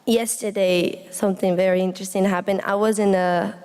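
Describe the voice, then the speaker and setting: With a mid-range, steady voice that is brisk, slightly mellow and clean, a young adult student speaker from Honduras gives a reflective, earnest personal speech. She's addressing an audience in an indoor hall that echoes with long reverb.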